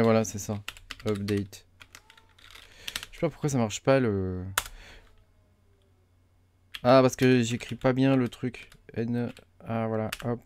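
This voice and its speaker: A man talking through a software setup tutorial, hesitant with many fillers as he clicks along. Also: mid-range voice, slight background noise. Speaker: crypto mining tutorial host. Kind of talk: casual screen-recorded tutorial.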